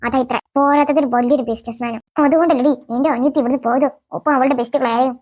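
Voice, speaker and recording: Plotting cartoon schoolgirl, voiced by a woman, low, sly mutter. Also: fairly even intonation, quick pace, darkish tone. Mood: scheming. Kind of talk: cartoon voice acting.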